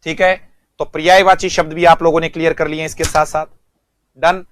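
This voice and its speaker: A man's voice: on the high side, little pitch movement, fairly quick, fairly bright tone, no room sound, studio quality. A male English teacher giving an online vocabulary lesson, speaking, repeating words and quizzing students.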